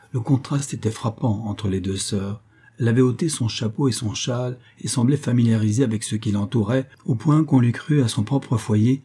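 A man reads a classic novel aloud in a measured, literary way. His voice sits low and mellow with a husky grain, and he paces the story steadily. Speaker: audiobook narrator. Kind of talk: scripted narration of a classic novel.

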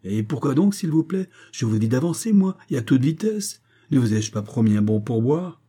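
A man's voice: medium pitch, very animated, pitched above the performer's own voice. A man doing a haughty, hot-tempered billionaire. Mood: angry shouting. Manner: gruff, scornful, quick to shout.

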